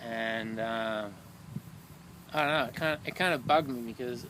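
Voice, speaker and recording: Male runner, worn out, musing aloud, mid-pitch, heavy road noise behind. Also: moderate pace. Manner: rambling, thoughtful, lots of fillers. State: tired after a long run. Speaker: solo long-distance runner vlogging. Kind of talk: casual reflective video diary. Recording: loud traffic noise outdoors.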